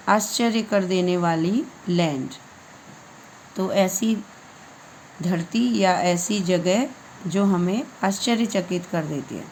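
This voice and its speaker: A woman gives a patient reading lesson, spelling each English word letter by letter before translating it. She talks at a very slow, deliberate pace in a mid-pitched voice. A faint hum of noise sits behind her. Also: darkish tone, rough recording. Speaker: English teacher.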